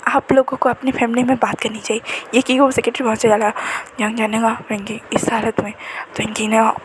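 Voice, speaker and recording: A woman's voice: fairly high pitch, little pitch movement, fast talker, noisy background. A woman casually narrating a fan-fiction romance story in a chatty, conversational way.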